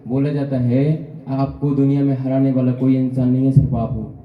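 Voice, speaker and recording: A man's voice: mid-range voice, little pitch movement, normal speed. Echoey man. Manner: storytelling, acts out dialogue and asks rhetorical questions. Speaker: speaker at a business seminar. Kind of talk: motivational testimonial speech. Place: meeting hall at a business center. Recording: echoey hall, dull muffled sound.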